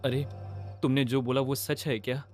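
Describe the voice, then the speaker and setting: A man's voice: mid-range voice, level tone, normal speed, darkish tone, soft background music, natural voice. An actor dubbing a brash young male college student into Hindi, talking in an offhand, dismissive way.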